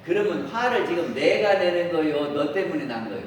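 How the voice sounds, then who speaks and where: High-voiced preacher in an echoing hall. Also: male voice, expressive, normal speed. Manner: asks the listeners questions and acts out everyday quotes. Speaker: Won Buddhist minister. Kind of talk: dharma talk to a congregation. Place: temple dharma hall. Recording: very echoey hall, voice from far off, faint hiss.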